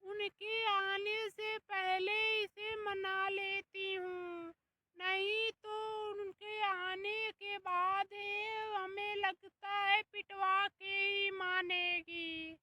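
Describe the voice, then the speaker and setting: Whiny, sulky young daughter-in-law, played by a woman, high and slow. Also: level tone, pushed and bright, slight background noise, full character voice. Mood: pleading.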